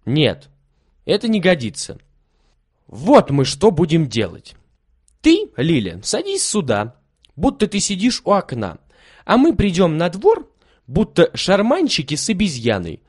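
A scheming, bossy boy who plans the game and orders his brother about, as a male reader puts him on. He speaks loudly, and his storybook voice swings widely. The recording is dry and close. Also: sits high, wildly swooping pitch, a little slow, breathy edge, dry recording, pitched above the performer's own voice, heavily acted. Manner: loud, coaxing, then commanding.

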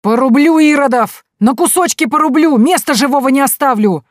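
A woman voicing a gruff, devoted male servant who bellows threats. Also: high-pitched, brisk, no echo, studio quality, voice pushed up, lightly acted. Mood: furious.

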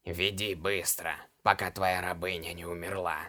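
A man voicing a stern, imperious old female shaman in a low, hoarse voice, speaking slowly and curtly in an audiobook. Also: little pitch movement, sharp tone. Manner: slow, curt, menacing.

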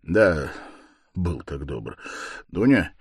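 A man's voice: very deep voice, very animated, very slow, husky, dry recording, clean studio sound, full character voice. A man voicing a feverish, irritable young man who speaks curtly and strained.

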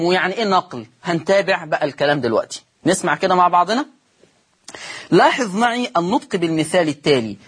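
Husky Egyptian teacher explaining step by step. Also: male voice, sits high, a bit bright. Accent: Egyptian Arabic. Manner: explains step by step, asks questions and answers them himself; slows down and chants when reciting the examples. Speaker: Quran recitation teacher. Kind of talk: televised Quran recitation lesson.

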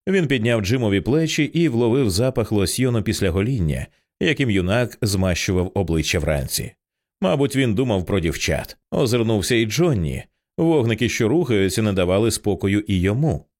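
A male narrator reads a thriller audiobook with expressive, tense delivery. His voice is on the low side. His pitch moves a great deal from phrase to phrase. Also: moderate pace.

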